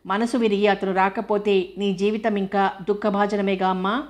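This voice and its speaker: Brief: an older father, sorrowful and admonishing, spoken by a woman narrator, even and flat in tone. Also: medium pitch, normal speed, lightly acted. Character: worried older father gently scolding his daughter.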